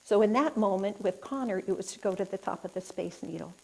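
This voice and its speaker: A woman's voice: medium pitch, a little fast, creaky, darkish tone, husky, poor audio. A woman speaker and life coach telling a personal story in a reflective talk, earnest and questioning the audience. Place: spiritual center hall, indoors.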